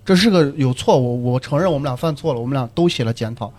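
A man in casual chat, retelling a story in an animated, excited way. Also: mid-range voice, quick pace.

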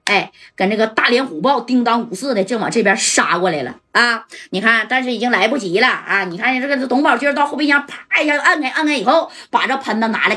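A woman telling a gangster story in a lively, colloquial way, often asking the listeners questions. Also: on the high side, husky. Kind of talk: oral storytelling of a gangster tale.

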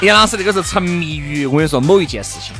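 High, lively Sichuanese man bantering on radio. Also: rapid-fire. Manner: teasing, jokey, exclamatory. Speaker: radio talk show co-host. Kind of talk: bantering casual chat. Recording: music bed behind the voice.

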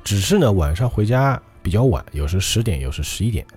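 Low, lively man talking fast. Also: breathy edge, faint music behind. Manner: lively, quick reactions, swears casually. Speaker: podcast co-host. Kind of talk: casual chat, reading listener ghost stories.

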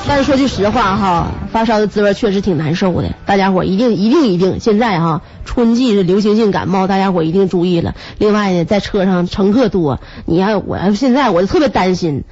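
A woman's voice: mid-range voice, fast talker, few pauses, darkish tone, breathy edge, soft background music. A woman radio host with a Northeastern Chinese accent and a stuffy nose from a cold, chatting in a teasing, comic monologue and laughing often. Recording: muffled radio broadcast recording.

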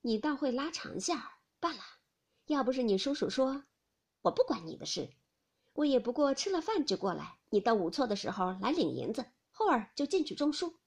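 A woman voicing a sharp-tongued young noblewoman who teases and gives orders briskly, read as part of a classic novel audiobook. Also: fairly high pitch, big pitch swings, husky, full character voice. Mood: teasing. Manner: teasing, brisk.

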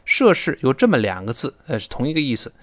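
Lively male English teacher. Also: medium pitch, quick pace. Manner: explains words, spells them, models pronunciation. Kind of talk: spoken English lesson.

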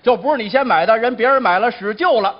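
A man with a Beijing accent playing the straight man in stage crosstalk comedy, firing back quick questioning retorts. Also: very high voice, highs cut off. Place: theater stage.

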